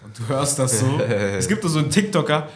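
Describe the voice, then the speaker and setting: A man's voice: mid-range voice, big pitch swings, brisk. A young man chatting casually on a podcast, rambling in slang and acting out quotes. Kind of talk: casual chat.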